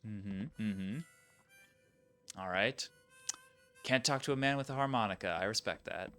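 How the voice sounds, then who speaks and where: A man's voice: on the low side, measured pace, sharp tone, clear, resonant tone, soft background music. A man giving casual let's-play commentary, muttering wry reactions as he plays a video game.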